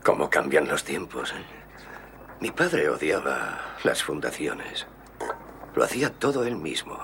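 Brief: a reflective crime patriarch in a dubbed film, extremely deep, gravelly voice. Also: male voice, big pitch swings, a little slow, fairly bright tone, a little hiss or hum, exaggerated voice. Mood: calm. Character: older male mob boss, reflective.

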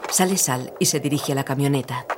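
A narrator reading scripted audio description in an even, neutral voice. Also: medium pitch, fairly quick, noisy background.

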